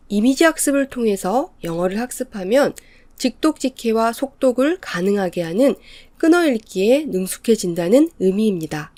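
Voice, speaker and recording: A woman lecturing as an English teacher, explaining in an even, measured way. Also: on the high side, no room sound. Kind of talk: scripted lecture narration.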